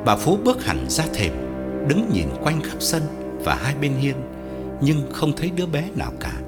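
Man, horror story narrator, very expressive pitch, loud music behind. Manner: dramatic, drawn-out storytelling.

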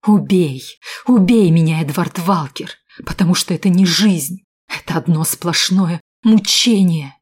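A woman voicing a furious, battered woman who shouts curses through clenched teeth. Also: fairly low pitch, measured pace, breathy edge.

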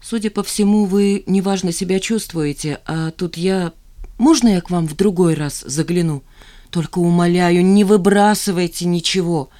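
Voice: mid-range voice, normal speed, warm tone, close to an everyday voice. A reader voicing a prim, touchy bookish man. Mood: conciliatory. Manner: indignant, stiff.

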